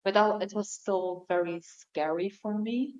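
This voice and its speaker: Her voice is medium-pitched and darkish, steady in tone and a little slow. She's a young woman from the Netherlands guesting on a podcast, opening up about her personal story in a hesitant way full of fillers, recorded in dull lo-fi sound.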